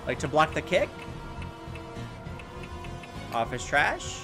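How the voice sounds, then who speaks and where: A gaming video host with a fairly high, sing-song voice talks slowly through a playthrough, thinking aloud to himself and reading the on-screen text. Game music plays in the background.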